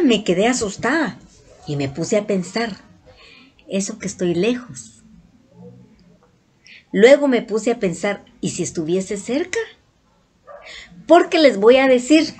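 Earnest woman from Guatemala telling a story. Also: medium pitch. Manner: earnest, repeats herself for emphasis, frequent "le dije" and "miren". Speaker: vlogger. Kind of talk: personal storytelling to viewers.

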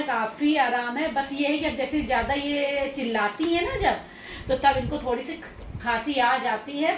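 A woman talking to her pet dogs in casual baby talk while she films, coaxing and scolding them gently and laughing often. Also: on the high side, far from the mic. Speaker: pet owner vlogger. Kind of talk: casual vlog, talking to pets. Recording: echoey room, voice off-mic, faint noise.

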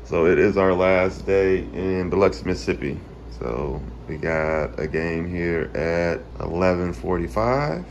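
A man's voice: deep voice, measured pace, creaky, few pauses, dull audio, slight background noise. A man in his thirties casually vlogging a road trip on a phone held at arm's length, chatting easily and repeating himself. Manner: easygoing, repeats phrases, chats to his son. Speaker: vlogger father. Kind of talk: casual travel vlog. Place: car, hotel and outdoors. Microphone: phone camera held at arm's length.

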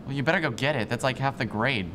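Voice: medium pitch, quick pace, background noise, lightly acted. A teen actor playing a gossipy, offhand classmate in an amateur school drama. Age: teens. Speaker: student.

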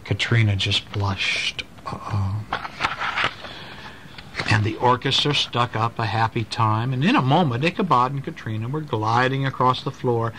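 Here a man with a mid-range, slightly bright voice reads a story to a little one at bedtime, breaking off to explain things and pose questions. He reads with plenty of expression, and the home recording is amateur and noisy.

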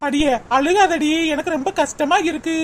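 A woman's voice: high-pitched, slight background noise, close to an everyday voice. A woman voicing a kind young village woman in a cartoon, consoling and sympathetic, with a southern Tamil accent. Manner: sympathetic, consoling, fast talker. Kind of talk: dubbed cartoon comedy.

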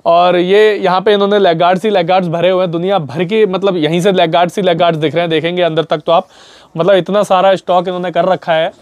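A young man with a notably high, light voice talks casually into a lapel mic while walking through a parts shop. He repeats prices aloud and addresses his viewers like a brother. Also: fairly even intonation, fast, dry recording. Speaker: vlogger touring a shop. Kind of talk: casual shop tour vlog. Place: indoor auto parts shop and warehouse.

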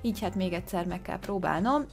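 A woman with a lowish voice and vocal fry hosts a game video, chatting casually. She gets excitable, exclaiming and gasping as she makes guesses, and hesitantly sounds out English words.

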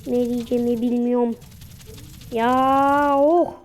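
Excitable high-voiced woman playing a game. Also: slow, soft background music. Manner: excitable, repeats cheers over and over. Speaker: mobile game player. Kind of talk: casual gameplay commentary.

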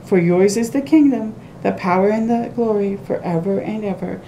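Warm and at a normal pace, this storytime reader's voice has its highs cut off. She's a middle-aged woman sharing a picture book with small children from a room at home near a window, speaking in a sing-song way with little asides over a low background rumble.

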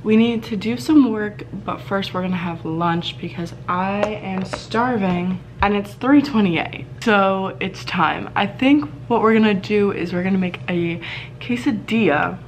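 A woman in her twenties with a mid-range voice speaks at a measured pace, with a little hiss or hum in the audio. She's a college student doing an upbeat, casual vlog in her dorm room, holding the camera at arm's length and chatting with her dog.

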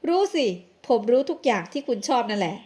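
A woman's voice: fairly high pitch, lively intonation, fast, dark tone, close to an everyday voice. A woman voicing a bossy rich young man in an audio drama, curt and dismissive. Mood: tender.

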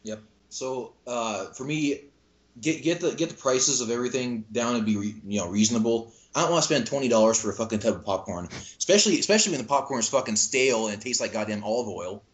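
A young man co-hosting a podcast, talking casually, with profane, animated storytelling. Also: mid-range voice, fast talker, low-quality recording. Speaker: podcast co-host. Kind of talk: casual group chat.

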